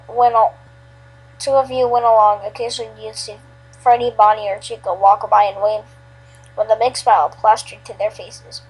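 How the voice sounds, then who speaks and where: A woman's voice: a little high, a little mellow, breathy edge, rough recording. A woman reading a second-person fan fiction story aloud, often stumbling and restarting. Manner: unscripted-sounding, frequent restarts. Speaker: story reader.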